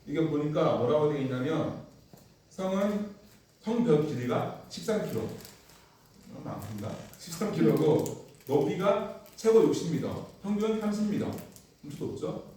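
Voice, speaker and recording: Brief: male Bible class teacher, fairly high voice, animated storytelling, distant echoey room. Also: measured pace. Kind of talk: lively church Bible lecture. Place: church classroom.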